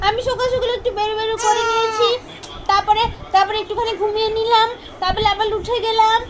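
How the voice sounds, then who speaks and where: A woman voicing her cheerful baby girl, who is cuddled on her lap and wants to go out, in soft sing-song baby talk. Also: extremely high pitch, steady tone, fast, noisy background. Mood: chatty.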